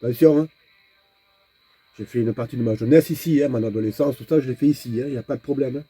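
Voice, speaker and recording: A nomad vlogger speaks straight to the viewer in a casual, rambling monologue, often repeating words while hunting for the next one. His mid-range voice is mellow and husky, his pace quick, with faint music in the background.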